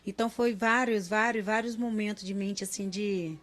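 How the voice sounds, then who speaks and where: Woman in her 30s, mother, interview testimony, halting delivery with repeated words, acts out quoted lines. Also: mid-range voice, fairly even intonation.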